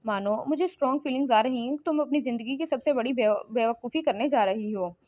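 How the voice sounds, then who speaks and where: A woman's voice: a little high, quick pace, lightly acted. A woman voicing a worried young man who chides and pleads with his companion, in a slightly muffled lo-fi recording. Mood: pleading. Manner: pleading and chiding.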